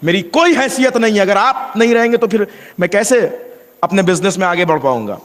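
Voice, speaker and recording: Guy doing a meek young shopkeeper son, soft and pleading, lower than his usual voice, big echoey hall. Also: lively intonation. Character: humble young male merchant pleading with his father.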